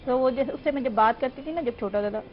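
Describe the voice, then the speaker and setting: A woman with a Pakistani Urdu accent, a guest mother chatting on a TV talk show, modest and animated as she tells stories. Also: high voice, fast, highs cut off, faint music behind. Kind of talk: casual TV talk show chat.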